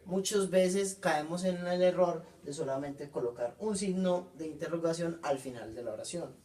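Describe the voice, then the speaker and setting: A man, reading out a class presentation on punctuation and coherence, pausing often and correcting himself. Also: a little high, mellow, distant mic. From Colombia. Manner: halting, frequent self-corrections.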